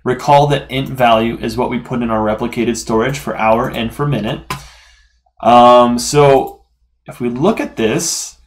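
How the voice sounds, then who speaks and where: A man's voice: mid-range voice, fairly even intonation, a little slow. A man hosting a programming tutorial, talking casually through the code with fillers and self-corrections as he works. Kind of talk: screen-recorded coding lesson.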